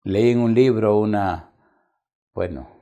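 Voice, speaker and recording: A man preaching a sermon as a pastor, telling stories dramatically and swinging between loud emphasis and hushed near-whispers. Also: fairly low pitch, takes it slowly, muffled recording.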